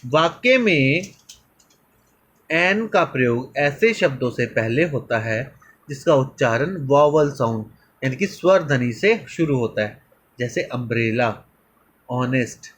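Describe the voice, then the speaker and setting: A man teaching English grammar in a slow lesson, calling viewers children and reading examples slowly. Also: mid-range voice, breathy edge, low-quality recording.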